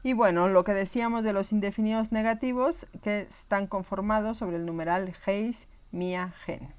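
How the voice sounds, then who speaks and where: A woman's voice: medium pitch, steady tone, moderate pace, clear, resonant tone. A woman giving a recorded online lesson, explaining patiently and often checking whether her students follow. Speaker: teacher.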